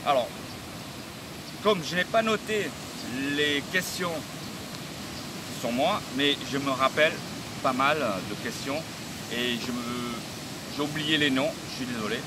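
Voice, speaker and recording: Over loud wind and outdoor background noise, a man in his fifties with a mid-range voice responds to viewer questions in a laid-back vlog Q&A. He speaks haltingly, in non-native French with repeated phrases, having learned the language as a teenager after moving from Vietnam to France at fourteen; he is of Chinese descent.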